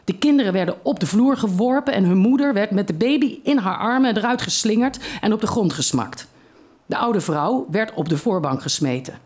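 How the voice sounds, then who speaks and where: A reader telling a short story aloud at a literary evening in a steady, measured way. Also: medium pitch.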